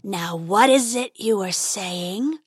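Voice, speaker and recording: A woman voicing a huge, gruff male dragon who growls his words slowly. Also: mid-range voice, no room sound. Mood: menacing. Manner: slow, growling.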